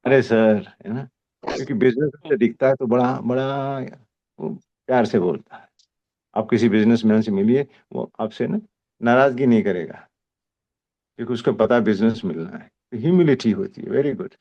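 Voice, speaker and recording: Older man teaching warmly over a call. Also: mid-range voice. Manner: fatherly, calls the presenter "beta", explains slowly with rhetorical checks. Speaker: senior homeopathy teacher giving feedback. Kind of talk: mixed Hindi-English teaching talk. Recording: muffled video-call audio.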